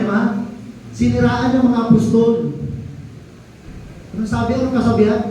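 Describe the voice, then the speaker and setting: A man's voice: very high-pitched, warm tone, slight background noise. A man with a Filipino accent preaching a sermon in a church, mixing Filipino and English and reading scripture aloud. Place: church hall. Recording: echoey hall from far off.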